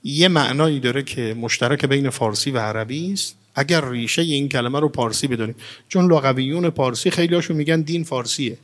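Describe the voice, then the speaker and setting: A male preacher at a middle pitch teaches a religious lesson. He pulls words apart by their roots and answers his own questions. His voice carries a long reverb, as if he is speaking in a large hall. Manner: recites Arabic phrases slowly and with emphasis. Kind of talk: religious lecture.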